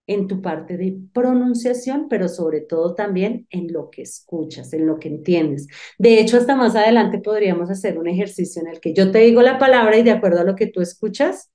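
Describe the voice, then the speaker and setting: Woman teacher, mellow and warm, chatty lesson delivery with direct address. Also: mid-range voice, moderate pace. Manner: lively, talks directly to the student, thinks aloud. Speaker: English teacher. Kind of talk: online phonics lesson.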